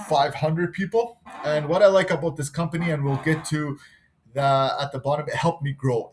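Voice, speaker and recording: A man in his thirties from Canada, an engineer giving an unscripted class presentation. He talks easily and pauses now and then while working on his screen. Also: a little high, a little hiss or hum.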